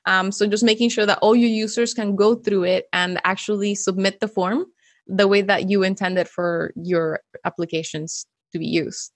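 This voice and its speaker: A woman in her twenties from Venezuela, a web developer guest in a casual video interview, friendly and clear, on a close studio mic at home. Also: mid-range voice, steady tone, moderate pace, no echo. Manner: friendly, laughs often, explains clearly. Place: home room. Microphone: close studio mic with pop filter.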